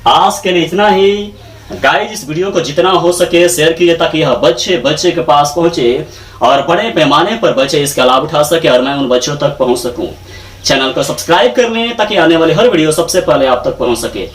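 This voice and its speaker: A man's voice: on the high side, moderate pace. A man teaching English grammar in a classroom lecture, repeating each point and checking with rhetorical questions. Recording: echoey room, mic far off.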